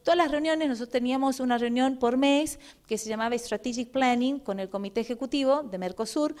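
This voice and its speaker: Animated Argentine woman giving a talk. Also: high-pitched, a little fast. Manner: animated storytelling, frequent "eh" fillers, acts out dialogue. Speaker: guest speaker. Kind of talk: public talk with personal anecdotes.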